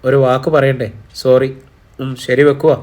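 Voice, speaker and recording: A man's voice: medium pitch, little pitch movement, normal speed, darkish tone, natural voice. A man voicing a caring young senior student who teasingly chides a friend over the phone in an audiobook. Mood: chiding.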